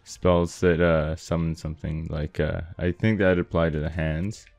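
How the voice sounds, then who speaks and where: A man's voice: sits low, level tone, normal speed, a little mellow, dry recording. A man co-hosting a casual let's-play, reading item descriptions aloud and stumbling over words. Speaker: gameplay co-host.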